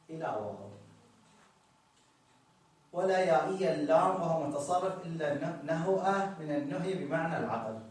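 A man's voice: a little high, far from the mic. Male teacher, patient and repetitive, reads a text and explains it; very reverberant room. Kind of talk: explaining Arabic morphology. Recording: very echoey room, voice from the mic.

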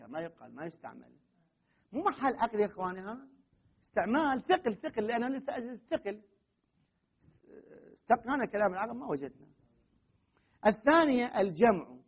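A man with a very high, husky voice teaches a grammar class. He reads from the text, keeps quizzing the students and corrects them firmly. The recording is dull and muffled. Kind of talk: classroom lesson on Arabic grammar.

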